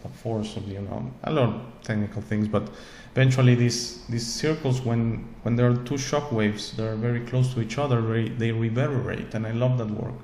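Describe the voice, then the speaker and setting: In an echoey room with faint ambient noise, a host who isn't a native English speaker delivers a rambling, earnest spiritual monologue to camera, peppered with repetitions and "okay?". His mid-range voice is steady and darkish, moderately paced with few pauses.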